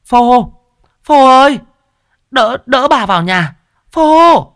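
A man voicing a desperate middle-aged village wife, crying out in shrill pleading scolds. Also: lively intonation, takes it slowly, fairly bright tone, no room sound, studio quality, exaggerated voice. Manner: shrill wailing cries, scolding.

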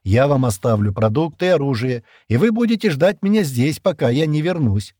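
A man's voice: medium pitch, lively intonation, fairly quick, mellow, no echo, studio quality, voice pushed up, natural voice. A man voicing a grumpy, tough male pilot who speaks curtly and firmly. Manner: curt, firm, commanding.

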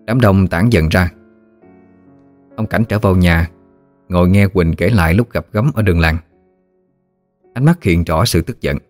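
A man narrating an audiobook story in a steady, descriptive way. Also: low voice, unhurried, long pauses, soft background music.

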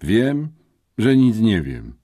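A man voicing a dim, whiny teenage bodybuilder boy in an audiobook, squeaking and slow on the uptake. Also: very animated, darkish tone. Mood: sulky. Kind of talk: audiobook character voice.

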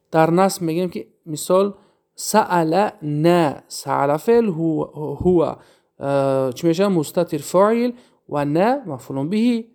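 A man with a Tajik accent teaches Arabic grammar step by step, asking and answering his own questions. His voice is slightly high and mellow with vocal fry, and he draws out the Arabic examples in a chanting way.

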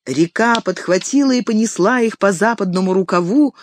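An audiobook narrator reading an adventure story with animated, dramatic delivery. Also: mid-range voice, moderate pace, a little hiss or hum. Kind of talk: expressive scripted narration.

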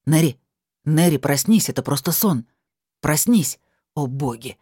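A woman reading an audiobook voices a worried young man, urgent and low. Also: expressive, brisk, a little mellow, husky, no room sound, studio quality, full character voice.

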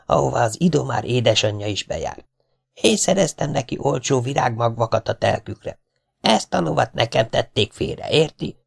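Sly grey-haired old tipster, wheedling and boastful, read by a man in a gravelly raised voice. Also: mid-range voice, pitched above the performer's own voice.

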